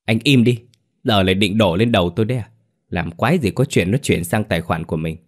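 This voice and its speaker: A sharp-tongued, greedy wife snaps and scolds in a raised, shrill voice, as a low-voiced man puts her on. She speaks in a storybook ghost tale. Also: expressive, quick pace. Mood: scolding.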